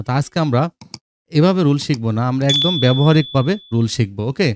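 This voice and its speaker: A man teaching a grammar lesson to students, often checking with "okay?" and reading English examples out slowly. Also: medium pitch, a little mellow, dry recording.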